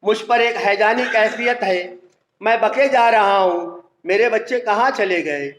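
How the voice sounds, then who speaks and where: A man's voice: high-pitched, fairly bright tone. A man giving an emotive, first-person reading of his own short story at a literary gathering. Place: college hall. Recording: echoey hall.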